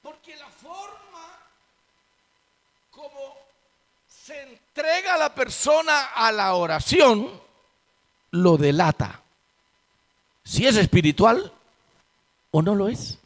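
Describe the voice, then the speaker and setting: High-voiced preacher in echoing church. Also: male voice, very animated. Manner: emphatic preaching with rhetorical questions and slow drawn-out stresses. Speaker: pastor. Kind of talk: sermon. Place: church sanctuary. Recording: long hall reverb in church.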